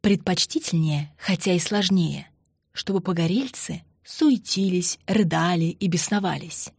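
A woman narrating an audiobook in a measured, matter-of-fact way. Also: fairly low pitch, vocal fry, breathy edge, no echo, studio quality. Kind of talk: scripted narration.

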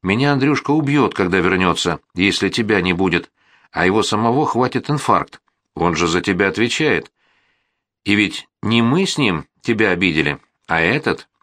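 A man's voice: fairly low pitch, lively intonation, moderate pace, a bit bright, dry recording, studio quality. Man doing a sullen, sensible boy. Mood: urgent. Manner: gloomy, reasoning.

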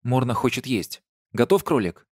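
A man's voice: mid-range voice, animated, moderate pace, dry recording, close to an everyday voice. A man voicing a weary, sardonic werewolf woman who hands out dry, practical advice, in an audiobook. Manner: mocking, matter-of-fact advice.

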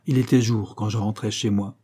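A man narrating a classic novel in a steady, literary reading. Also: on the low side, fairly quick, husky. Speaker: audiobook narrator. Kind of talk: scripted narration.

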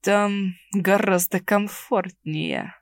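A woman voicing a haughty, mocking male necromancer in an audiobook, with a slow, languid, predatory drawl. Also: mid-range voice, no room sound, natural voice. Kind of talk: audiobook character reading.

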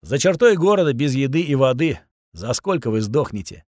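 A man voicing a calm, evasive male leader who brushes off questions with reassurances. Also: mid-range voice, moderate pace, no echo, clean studio sound, natural voice. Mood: calm, dismissive.

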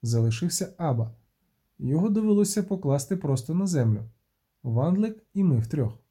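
Husky, dark-voiced male audiobook narrator. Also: a little high, animated, normal speed.

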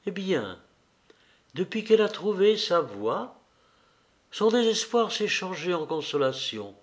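A man's voice: high-pitched, sing-song, a little slow, pitched above the performer's own voice. A man voicing a fervent, pious aristocratic countess who speaks emphatically.

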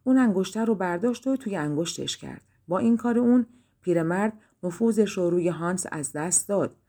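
A woman narrating a fairy-tale audiobook in a calm storytelling manner. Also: on the low side.

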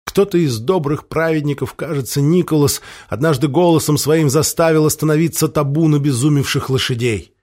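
A man reads a fantasy novel aloud in a measured, descriptive way. His voice sits a touch above the usual male range. He sets each scene calmly between the characters' lines. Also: fairly high pitch. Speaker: audiobook narrator. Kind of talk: scripted fiction narration.

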